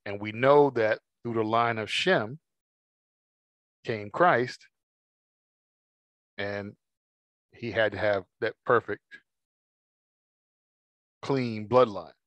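A man teaching a Bible study, reading verses slowly and then explaining them in a measured way. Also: on the low side, a bit bright, no echo, highs cut off. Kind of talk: scripture study talk, reading aloud.

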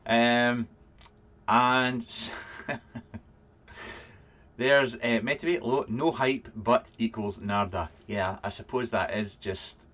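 A man in his thirties with a Fife accent from Scotland hosts a casual livestream in a medium-pitched voice. He rambles and halts as he reads out chat comments and answers them with dry humour. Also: steady tone, a bit bright. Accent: Scottish, from Fife. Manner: rambling, halting, dryly joking. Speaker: livestream vlog host. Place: small cluttered home room, indoors.

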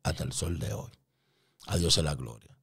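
A man's voice: rumbling low, normal speed, a bit bright, husky. A man giving a conversion testimony as an interview guest, a vivid storyteller who acts out the voices he quotes.

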